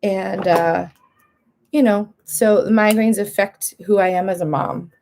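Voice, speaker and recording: A woman's voice: medium pitch, fairly even intonation, a little slow, vocal fry, darkish tone, a little hiss or hum. A woman in her thirties talking candidly to camera in a casual vlog, chatty, laughing often and acting out what other people say. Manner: acts out other people's lines in a lifted voice. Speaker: vlogger.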